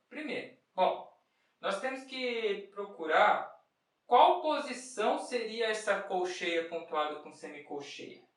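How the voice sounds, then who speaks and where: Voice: mid-range voice, a bit bright. Music teacher going bar by bar, chanting rhythm syllables, mic far off, super echoey room. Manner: patient, asks and answers own questions, chants rhythm syllables. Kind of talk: step-by-step music lesson.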